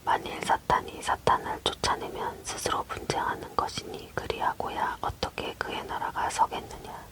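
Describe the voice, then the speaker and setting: A person leaning in to whisper a Bible reading in a breathy, unvoiced ASMR voice, close to the microphone. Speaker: Bible reader.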